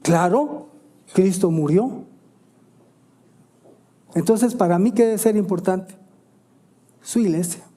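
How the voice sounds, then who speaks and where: A male pastor preaching a sermon, asking emphatic questions and answering them quietly, often adding "¿verdad?". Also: high-pitched, takes it slowly, pauses often. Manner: stops to self-correct and ask "¿verdad?".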